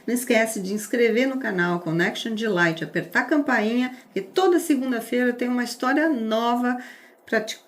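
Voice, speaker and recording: A woman hosts a podcast interview with a clearly high voice. She talks in an effusive, welcoming way as she brings in her guest. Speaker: podcast host.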